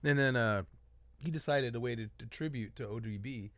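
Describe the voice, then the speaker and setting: A comedy podcast co-host rambles through crude stories laced with swearing, in casual chat. His mid-range voice is fairly quick and a bit bright, and the recording is dry.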